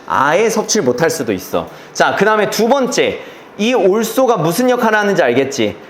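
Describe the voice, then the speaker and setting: Very animated and a little fast, this high-voiced male English teacher walks students through an exam passage, peppering it with rhetorical questions and blunt slang. Slight background noise sits under a roomy echo and faint ambience.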